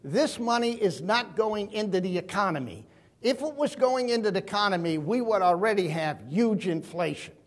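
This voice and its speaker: A man's voice: sits high, animated, moderate pace. Earnest older man giving a keynote. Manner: earnest, emphatic, storytelling. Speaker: keynote speaker. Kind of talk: keynote talk on money and markets.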